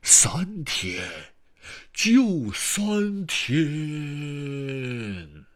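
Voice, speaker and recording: A man voicing the ghost of an old storyteller uncle, slow, deep and commanding. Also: big pitch swings, no room sound, clean studio sound, full character voice. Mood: urgent.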